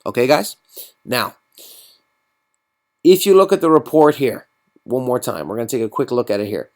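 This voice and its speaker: A man hosting a mobile game channel, giving loose, profane, rambling gameplay commentary after a night out drinking. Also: fairly high pitch.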